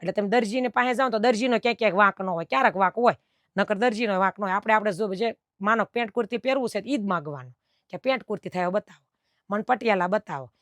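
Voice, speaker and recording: A woman's voice: medium pitch, quick pace, no room sound, studio quality. A middle-aged woman who runs a dress fabric shop, chatting at length to camera about fabric cuts and quoting her customers. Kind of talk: casual talk to camera explaining fabric cuts.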